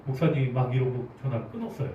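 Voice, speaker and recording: A man preaching a sermon as pastor, animated, putting questions to his congregation. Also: mid-range voice, racing, slight background noise. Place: church hall. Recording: roomy, distant, dull church recording.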